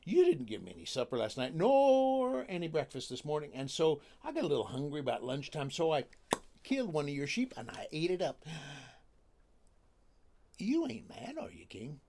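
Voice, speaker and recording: A man's voice: a little high, big pitch swings, normal speed, mellow. A man voicing a plucky, cheeky young male farmhand in a folksy told story, with a brash, chatty drawl.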